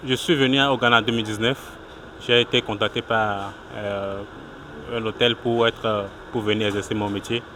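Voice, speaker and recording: A low-voiced man from Togo, a cook, answers questions at an outdoor street food stall. He talks haltingly and restarts his sentences often. Faint street noise hums behind him. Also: steady tone, pushed and bright. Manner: hesitant, many restarts and fillers. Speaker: cook and small restaurant owner. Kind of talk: casual interview answers.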